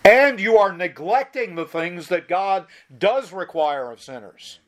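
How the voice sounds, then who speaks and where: A man's voice: high-pitched, expressive, measured pace. A man preaching a sermon, reading Bible verses aloud and explaining them in an emphatic, conversational way with frequent restarts.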